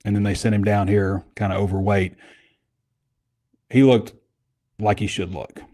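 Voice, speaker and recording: A man's voice: lowish voice, little pitch movement, unhurried, dark tone. A man hosting a casual sports podcast, talking in a rambling, conversational way. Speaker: podcast host.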